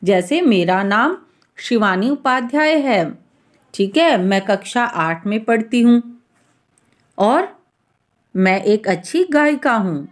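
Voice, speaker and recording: Female grammar teacher, slightly high voice, unhurried and patient delivery. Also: expressive. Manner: slow, patient explaining with fillers. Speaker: Hindi teacher. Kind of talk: classroom grammar lesson.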